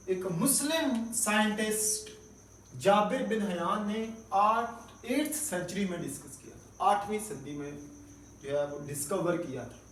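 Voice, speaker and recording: A man's voice: high voice, a bit bright, echoey room, distant mic, a little hiss or hum, low-quality recording. A male chemistry teacher giving a recorded lecture, explaining step by step, repeating key terms and mixing in English technical words. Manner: mixes English technical terms into his speech.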